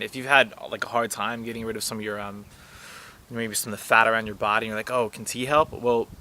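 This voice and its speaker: A young man talks straight to the camera with a bright, forceful voice, giving health advice. He rambles and fills gaps with ums and restarts, earnest throughout. A faint hiss of noise sits under the recording. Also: mid-range voice. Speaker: wellness vlogger. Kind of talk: casual talk to camera.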